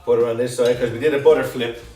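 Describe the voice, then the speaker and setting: A man's voice: mid-range voice, steady tone, quick pace, mellow, roomy sound, soft background music. A man hosting a casual cooking show, joking and rambling as he cooks.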